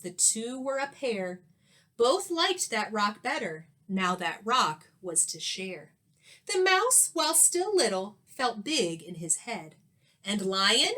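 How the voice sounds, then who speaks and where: Pitched on the high side with a sharp tone, a woman teacher gives an expressive read-aloud of a children's story. She builds in dramatic pauses and poses questions to the young audience.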